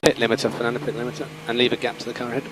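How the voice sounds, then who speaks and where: A man's voice: mid-range voice, little pitch movement, very fast. A man working as a race engineer, giving clipped, repeated instructions to a driver over race car radio. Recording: noisy team radio with car sounds.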